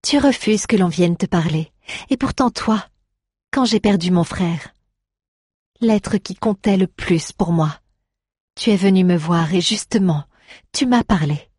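A woman's voice: on the low side, measured pace, long pauses, a little mellow, slightly rough, no room sound, clean studio sound. A woman playing Kathleen, stubborn caring actress. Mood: tender. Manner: coaxing and tender. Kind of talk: audio drama acting.

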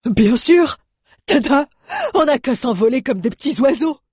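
A frightened little dwarf man, his voice shooting up high and squawking with panic, as a woman puts him on. The tone is husky and dry, close to the mic, with no room sound. He protests at every turn in a storybook read aloud. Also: animated, measured pace, a little mellow, no room sound, exaggerated voice. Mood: panicked shrieking. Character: panicky fearful male dwarf, shrill and squawking. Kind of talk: storybook narration.

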